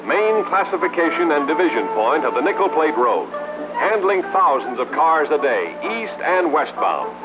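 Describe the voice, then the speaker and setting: A man's voice: fairly high pitch, sing-song, normal speed. An American man reading a scripted promotional film in formal, emphatic 1950s narrator style, in clipped phrases. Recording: muffled vintage film soundtrack, loud music. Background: loud background music.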